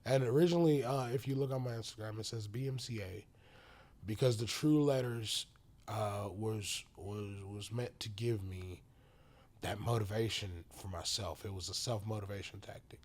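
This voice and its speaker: A man telling his personal story as a podcast guest, halting and full of restarts, sometimes dropping to a whisper. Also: lowish voice. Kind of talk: emotional personal testimony.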